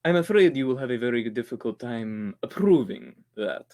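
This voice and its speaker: With a medium pitch, lively intonation and a darkish tone, a man gives a lightly acted performance as a formal, menacing doctor in a 1940s-style radio thriller. He delivers deliberate, polite menace, but the character is actually a panicking radio actor.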